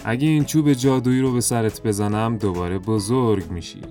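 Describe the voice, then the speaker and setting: A woman voicing a wise old male kangaroo wizard in a children's audio story, speaking slowly in a lowered voice. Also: mellow, soft background music. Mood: gentle, solemn. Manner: slow, deep put-on voice.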